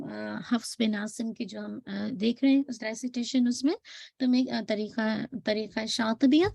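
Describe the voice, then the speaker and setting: A woman teaching Quran recitation, stretching out syllables slowly and often stopping to check that her listeners follow. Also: fairly high pitch, vocal fry, warm tone, dry recording. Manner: patient, drawn-out modelled syllables, frequent checking questions. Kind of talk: tajweed lesson, slow modelled recitation.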